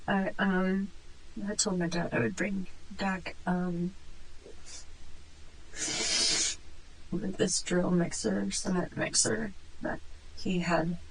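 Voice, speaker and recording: A woman with a husky voice answers police questions as a cornered suspect, halting, subdued and upset. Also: fairly low pitch, steady tone, noisy background. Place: police interview room.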